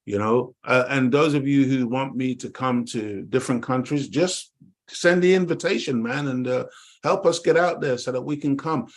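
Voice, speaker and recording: A middle-aged Jamaican co-host preaches on an online talk show, his voice medium-pitched and at normal speed over a call. The monologue burns with passion: emphatic, full of repeated words, and aimed at his "dear family."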